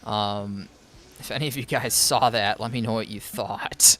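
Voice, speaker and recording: Faint music sits behind a man whose fairly low, slightly bright voice stays fairly even and unhurried. He's streaming a game, reviewing viewer accounts, and answering chat with loose, meandering advice full of fillers and false starts.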